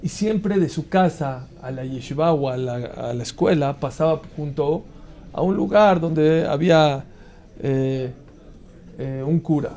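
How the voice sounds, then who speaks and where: Animated man telling a Torah story. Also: fairly high pitch, unhurried. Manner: animated storyteller, asks the audience questions, mixes Hebrew terms. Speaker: rabbi teaching a class. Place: classroom.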